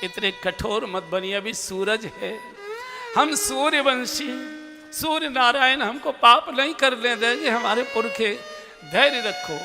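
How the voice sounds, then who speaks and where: A man's voice: extremely high pitch, takes it slowly, exaggerated voice. A man voicing a weary steadfast old king. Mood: pleading. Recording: reverberant hall, music behind.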